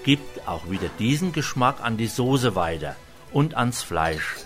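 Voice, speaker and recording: With faint music behind him, a Franconian chef talks in a sing-song, unhurried way while demonstrating his cooking. His mid-range voice is fairly bright, and his Franconian German accent colors a homely, rambling delivery full of hesitations. He works as a restaurant chef in Franconia, Germany.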